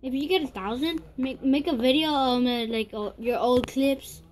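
A girl chatting casually while playing a game, excitable and quick to squeal and shout. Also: high-pitched, slight background noise. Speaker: gamer. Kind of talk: casual gameplay chat.

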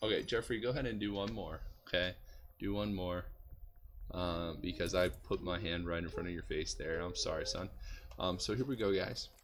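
Chatty low-voiced man commentating a game. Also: moderate pace, a little hiss or hum. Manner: chatty, greets viewers often. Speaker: streamer and commentator. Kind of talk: casual live game commentary. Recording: game music playing loudly behind.

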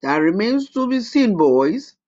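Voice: sing-song, a little slow, a little mellow, highs cut off. Cackling old forest witch, as a narrator puts her on. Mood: menacing. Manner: cackling, menacing, raised high voice.

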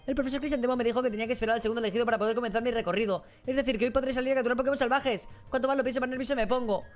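A man's voice: very high-pitched, fairly even intonation, rapid-fire, soft background music, voice pushed up. A man voicing an eager young female trainer from a game, reading her lines in a gushing, enthusiastic way. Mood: excited.

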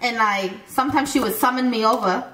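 A woman's voice: on the high side, brisk, pushed and bright. A woman chatting with a friend in a kitchen, telling stories in a dry, teasing way. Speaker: friend of the host. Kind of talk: casual chat. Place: home kitchen. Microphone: camera mic from across the room. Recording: roomy, distant, noisy kitchen.

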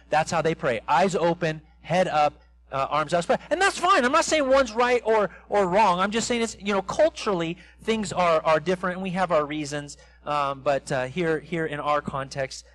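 Lively, high-voiced preacher in a church. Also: male voice, rough recording. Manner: animated, quizzes the congregation. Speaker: pastor. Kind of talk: interactive sermon. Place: church sanctuary.

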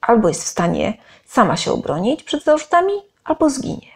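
A woman's voice: a little high, sing-song, normal speed, creaky, breathy edge, pitched above the performer's own voice, heavily acted. A woman voicing a stern, curt male monster hunter who gives orders, in a read-aloud story. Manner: curt and commanding.

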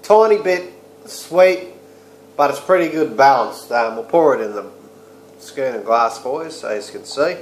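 A man's voice: medium pitch, animated, a little slow, slight background noise. A man in his thirties with an Australian accent, rambling his way through a casual beer review with crude slang, recorded indoors on a webcam. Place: small room indoors. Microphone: webcam or laptop mic close up. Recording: echoey room.

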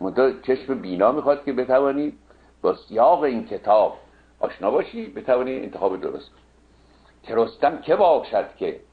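A man lecturing on classical poetry, chanting verses slowly and correcting the wording point by point. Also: mid-range voice. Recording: narrow phone-like sound.

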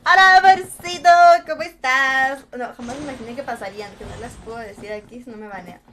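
A woman's voice: on the high side, steady tone, rapid-fire, slight background noise. A young Mexican woman streaming a mobile shooter, chatting playfully with her viewers, teasing them and greeting them with pet names. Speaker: game streamer. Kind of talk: live-stream chat while gaming.

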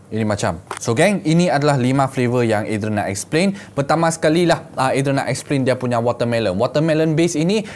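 A man's voice: mid-range voice, darkish tone, slight background noise. A man in his thirties speaks with a Malaysian accent in a mid-range voice. He presents a casual unboxing and review, colloquial and repetitive, talking straight to his viewers. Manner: colloquial, repeats phrases, talks to viewers as 'guys' and 'gang'. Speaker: product reviewer. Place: small indoor room set up as a gaming studio.

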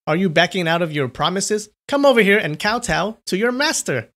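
A man's voice: sits high, expressive, moderate pace, a bit bright, pitched above the performer's own voice. A man voicing a brash, mischievous young woman swordfighter who goads and teases. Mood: teasing. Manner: mischievous, goading.

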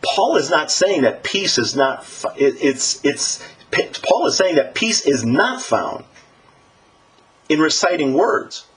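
A man preaching a sermon to his congregation, in an animated and emphatic style. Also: slow pace. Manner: animated, emphatic preaching with lively pitch swings.

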